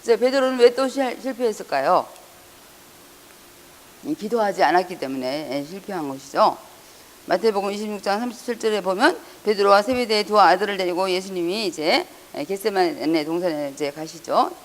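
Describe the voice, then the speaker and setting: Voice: medium pitch, lively intonation, fairly quick. Pastor preaching in a reverberant church. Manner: earnest, raises voice when reading scripture; frequent hesitations and self-corrections. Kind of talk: Sunday sermon. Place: church hall. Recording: long church hall reverb.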